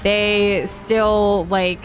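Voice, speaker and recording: With soft background music, a young American woman co-hosts a game stream in a mid-range voice that barely moves in pitch and draws out her words. She reads viewer comments and chats candidly, often using fillers and restarting sentences.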